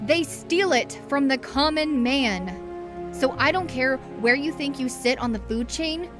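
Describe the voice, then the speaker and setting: Woman voicing a high-voiced, fiery fox police inspector. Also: lively intonation, a little slow, over music. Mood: indignant. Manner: indignant, forceful, scolding. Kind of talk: fan-dub comic acting.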